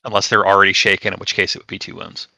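Guy player, very sharp bright voice, gravelly, casual game chat. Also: low voice, flat delivery, very fast, no room sound, rough recording.

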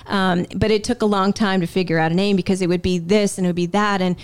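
A woman guest telling her own life story in a candid, conversational way, often with "um" and "like", acting out her past thoughts in a higher voice. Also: fairly even intonation, quick pace, clear, resonant tone, dry recording. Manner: frequent "um" and "like", self-interrupting. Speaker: interview guest.

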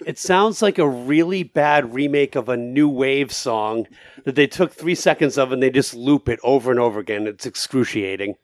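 A man's voice: medium pitch, normal speed, no echo, clean studio sound. A man co-hosting a podcast in casual chat with wry, joking commentary. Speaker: podcast co-host.

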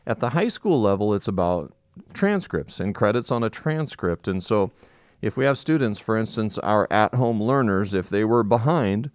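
Low-voiced man talking through a face mask. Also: lively intonation, normal speed, dry recording, clean studio sound. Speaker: school administrator co-hosting a community update. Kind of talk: informal live podcast talk.

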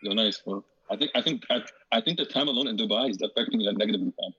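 A man's voice: lowish voice, rapid-fire, bright, forceful tone, muffled recording. A young man in casual banter, laid-back and a little hesitant, speaking over a distorted call line. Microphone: remote call with bad connection. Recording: distorted husky call audio.

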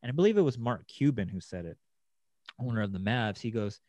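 A man's voice: mid-range voice, lively intonation, fairly quick, warm tone, dry recording. A man in casual podcast chat, telling stories in a rambling way and acting out what others said. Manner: rambling storyteller who acts out quoted dialogue.

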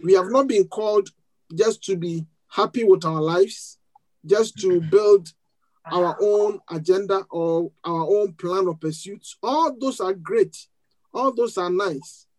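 A man's voice: high voice, slow, a little mellow, low-quality recording. A man preaching a sermon to a congregation, leading a prayer and quoting scripture with rising, emphatic bursts. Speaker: pastor.

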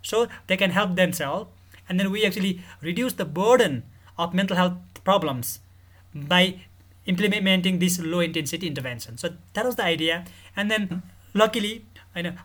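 A man from Nepal, a guest in a podcast interview who explains his work in an earnest, measured way. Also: high-pitched, fairly bright tone. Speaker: guest, mental health director.

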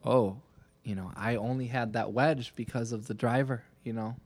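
A man hosting a podcast, telling a golf story in animated casual chat and acting out his own thoughts. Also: mid-range voice, normal speed, dry recording. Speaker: podcast host, golfer.

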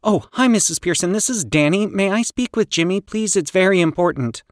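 A man's voice: high-pitched, huge pitch swings, moderate pace, dry recording, studio quality, pitched above the performer's own voice, exaggerated voice. A man voicing an anxious young boy who pleads with breathless urgency. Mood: polite, urgent. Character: anxious young boy, cautious and easily frightened.

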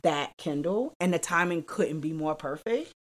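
A woman in her forties, a mother co-hosting a casual chat podcast with her daughter, teasing and unhurried. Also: low-pitched, expressive.

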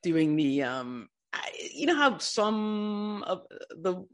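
A woman's voice: medium pitch, big pitch swings, slow, a bit bright. A woman hosting an interview, asking questions in a loose, playful way and joking about her age. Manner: loose and playful, jokes about being old. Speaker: interview host. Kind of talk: casual interview chat.

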